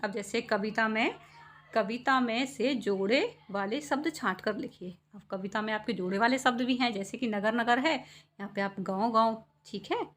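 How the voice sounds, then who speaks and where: Female teacher, slightly high voice, patient question-and-answer lesson style. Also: normal speed, fairly bright tone. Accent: Hindi. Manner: patient, asks questions and answers them herself. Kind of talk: classroom lesson explaining a poem.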